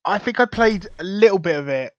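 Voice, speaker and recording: Young male host, eager and rambling, a little high-pitched, dull dry mic sound. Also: expressive, brisk, no room sound. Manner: chatty, enthusiastic, rambling. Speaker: podcast host. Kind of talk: casual chat.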